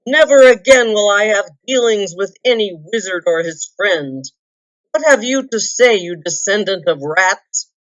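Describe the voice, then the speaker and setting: Woman as wrathful dwarf king, proud, bitter, loud commands, storybook drama, dull recording. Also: mid-range voice, lively intonation, measured pace, no room sound, voice pushed up, lightly acted. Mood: bitter, grim. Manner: shouting, grim, commanding.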